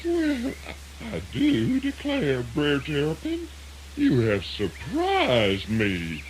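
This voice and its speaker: Excitable, swooping storybook rabbit. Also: male voice, on the high side, slow pace, slight background noise, full character voice, rough recording. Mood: surprised, calling out, then smug. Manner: exclamatory, folksy, stammering when flustered. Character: boastful, flustered male trickster rabbit of folktale. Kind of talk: children's radio theatre dramatization.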